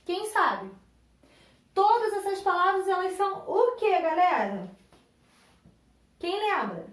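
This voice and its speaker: Brazilian woman teacher, slow, repeats and spells syllables, recorded across an echoey classroom. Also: very high-pitched, expressive. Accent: Brazilian Portuguese. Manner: patient, spells out syllables slowly and repeats words. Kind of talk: recorded online classroom lesson. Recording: echoey room, voice from a distance.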